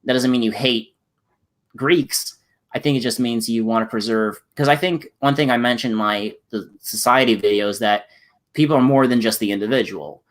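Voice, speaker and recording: A man's voice: medium pitch, moderate pace. A man in a casual political discussion, rambling with many restarts and fillers. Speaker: channel host in a discussion.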